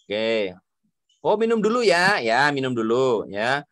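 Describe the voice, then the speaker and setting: A man's voice: mid-range voice, sing-song, takes it slowly, a bit bright, dry recording, studio quality. A young man teaching children, enunciating carefully, playful and encouraging. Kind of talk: children's lesson.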